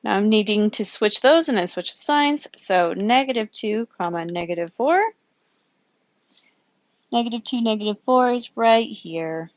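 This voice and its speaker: A woman's voice: medium pitch, unhurried, no echo, dull audio. A woman teaching a recorded geometry lesson, working problems aloud, counting grid squares and correcting herself as she goes. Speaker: math teacher.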